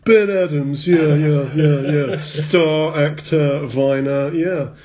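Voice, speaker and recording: A man's voice: a little high, fairly even intonation, takes it slowly, highs cut off, a crowd in the background. A man co-hosting a podcast, chatting casually in a sweary, sarcastic way, recorded on a phone with poor sound quality. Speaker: podcast co-host. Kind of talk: casual banter. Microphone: iPhone.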